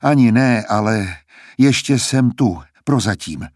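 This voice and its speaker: A man's voice: medium pitch, expressive, a little mellow, no echo, clean studio sound, lightly acted. A man reading aloud, voicing a guarded young man who speaks in a tense, clipped way. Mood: subdued.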